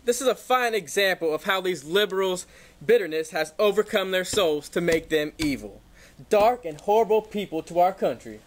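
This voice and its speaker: A man's voice: sits high, lively intonation, normal speed, slight background noise. A man playing a pompous, folksy, long-winded conservative Texan professor in a news satire sketch. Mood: blustering.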